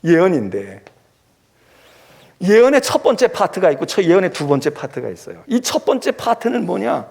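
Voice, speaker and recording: A male pastor preaching with a slightly high, gravelly voice that swings widely in pitch. He asks his listeners question after question. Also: normal speed. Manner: animated, acts out scolding and comforting voices; asks the congregation rhetorical questions. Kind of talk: sermon.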